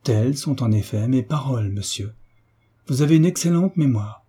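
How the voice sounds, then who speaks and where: A man reading the lines of an ironic, hunchbacked nobleman in a French audiobook, in a measured, slightly raised voice. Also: mid-range voice, lively intonation, mellow, breathy edge. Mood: coolly ironic. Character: marquis, hunchbacked older nobleman, ironic and cool.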